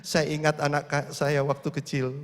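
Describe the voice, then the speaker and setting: A man's voice: a little high, completely flat delivery, moderate pace. A man preaching a sermon, telling stories with acted quotes and building to fervent calls to praise. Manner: storytelling with acted quotes, rising to fervent exhortation. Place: large church hall. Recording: long church reverb.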